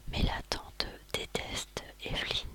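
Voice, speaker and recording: Someone speaking in a soft ASMR library whisper, recounting things as a host in a halting way with pauses. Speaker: ASMR video host recounting favourite books and films.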